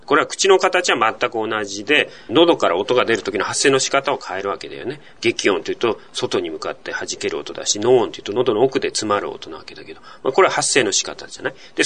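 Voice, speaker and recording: A man hosting a language-learning podcast, talking through sound rules at a relaxed, explanatory pace. His pitch swings widely as he stresses points, and he keeps checking in with his listener through rhetorical questions. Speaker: podcast host teaching Korean.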